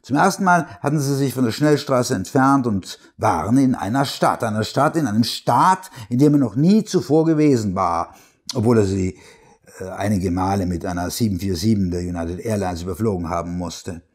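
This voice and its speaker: A man reading a horror story aloud in a dramatic, slow, hushed narration. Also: on the low side, husky. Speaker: reader.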